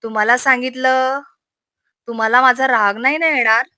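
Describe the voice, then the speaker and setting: A shy, anxious young wife voiced by a woman reading a story who stammers and hesitates. The voice sits high and bright, with a sharp edge. It is recorded dry and close. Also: fairly even intonation, unhurried, no echo. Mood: timid.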